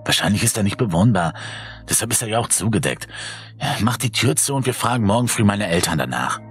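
A man's voice: fairly low pitch, sing-song, a little fast, faint music behind. A man voicing a nervous teenage boy who hesitates and stammers. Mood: anxious. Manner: hesitant, stammering, many fillers.

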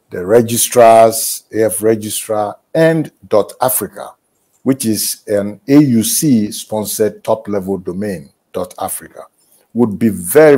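Older man, low mellow keynote. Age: 70s. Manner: measured, deliberate delivery with pauses. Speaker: keynote speaker. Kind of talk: prepared keynote speech. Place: home study with bookshelves, indoors. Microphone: earphone headset on a video call.

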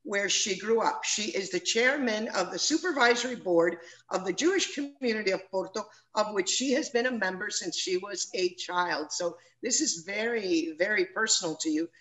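A woman's voice: medium pitch, moderate pace, a bit bright, poor audio. A middle-aged woman moderating an interview over a video call from a room at home, speaking in an earnest and personal way.

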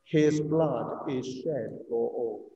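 Here a middle-aged Englishman, a priest, leads communion, reciting the eucharistic liturgy solemnly and deliberately in a medium-pitched, dark voice with vocal fry. It's streamed from inside a reverberant church over a video call, the distant mic giving muffled sound.

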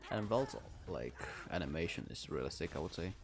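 A Czech game streamer with a Czech accent gives casual live commentary over game music, rambling and thinking aloud as he plays. His bass voice has lively intonation and moves a little fast.

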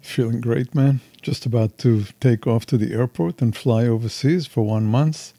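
This is a man in his sixties from Israel, an interview guest who tells stories candidly and at length in a casual chat. His mid-range voice has a dark tone and a moderate pace, and the recording is dry.

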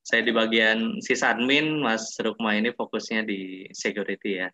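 A man in his late twenties, a guest sysadmin, talking politely and relaxed in a casual interview. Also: fairly low pitch, moderate pace, no echo. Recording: dull lo-fi dry mic.

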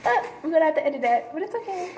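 A woman's voice: extremely high pitch, expressive, rapid-fire, echoey room. Teen girl vlogger, giggly, chatty, recorded on a phone with faint noise behind. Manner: giggly, talks over others. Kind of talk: casual chat. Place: outdoors near apartments.

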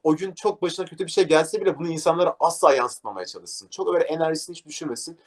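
A young man, a DJ, talking casually in an interview and acting out a story with lively energy. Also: fairly high pitch, rapid-fire. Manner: animated, acts out scenes, says "abi" a lot. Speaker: DJ guest.

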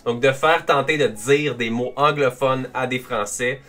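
A man with a Québécois French accent hosting a casual reaction video, chatty and quick to laugh as he explains language quirks. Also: medium pitch, steady tone, a bit bright. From Quebec.

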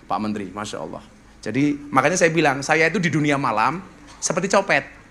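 A man's voice: fairly high pitch, expressive, brisk, a bit bright. A man with a Javanese accent, a preacher hosting a religious gathering, telling stories and joking with guests. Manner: joking, teasing banter with guests. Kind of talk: lively sermon storytelling to a crowd.

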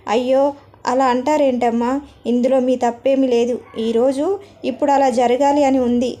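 A woman voicing a calm father who reassures his family. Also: high voice, moderate pace, close to an everyday voice. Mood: reassuring.

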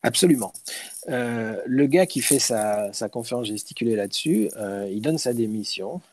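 A man speaking as a guest on an online call, telling stories with many pauses and restarts through an earphone mic. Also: medium pitch, expressive, a little mellow, no echo. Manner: hesitant, many restarts and "euh", storytelling. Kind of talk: casual online talk, answering questions. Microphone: earphone headset mic.

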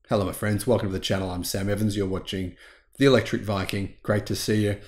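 A man's voice: mid-range voice, a little mellow. A man in his forties hosting a tech news channel from a small home studio, talking with emphatic enthusiasm and stretching key words. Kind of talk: casual news commentary.

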